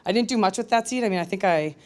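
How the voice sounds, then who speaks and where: Speaking very fast in a mid-range voice, a woman tells a personal story to an audience at a live storytelling show. Her delivery is candid, conversational, and self-reflective.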